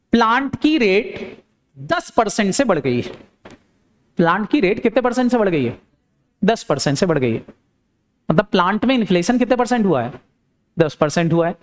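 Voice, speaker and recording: A man teaching an accounting class in a lecture style, firing questions at students and answering them himself in a lower voice. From India. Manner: urging, repeats phrases for emphasis.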